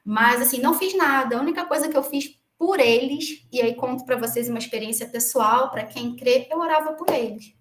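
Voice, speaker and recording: A Brazilian woman gives a lecture and weaves in a personal story in a chatty, digressive way. Her voice sits high. It rings out in a reverberant room. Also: brisk, hardly any pauses. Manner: chatty, many asides and restarts. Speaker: municipal attorney giving a lecture. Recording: echoey room.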